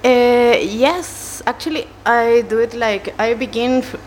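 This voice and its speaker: Chilean woman, slow and hesitant. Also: fairly high pitch, slight background noise. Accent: Chilean Spanish. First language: Spanish. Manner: hesitant, searching for English words, many fillers. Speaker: animator, interview guest. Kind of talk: casual interview answers.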